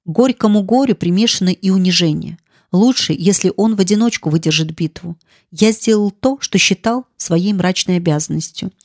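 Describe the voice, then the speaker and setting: A woman reading the lines of a grave, earnest young English gentleman in an audiobook, in a measured way. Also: fairly low pitch, no room sound, studio quality. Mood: brooding.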